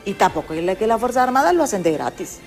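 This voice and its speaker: A woman's voice: medium pitch, very animated, fast, soft background music. Emphatic Honduran woman hosting a talk show. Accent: Honduran Spanish. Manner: emphatic, opinionated, addresses viewers directly. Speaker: host. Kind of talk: political talk show interview.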